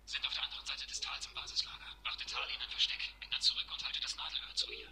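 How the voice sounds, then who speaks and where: A tough marine over a sci-fi radio communicator. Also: male voice, rapid-fire. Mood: terse. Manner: clipped military radio talk. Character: tough male marine pinned down, radioing for help. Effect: sci-fi radio communicator transmission. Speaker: game character. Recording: noisy crackling radio channel.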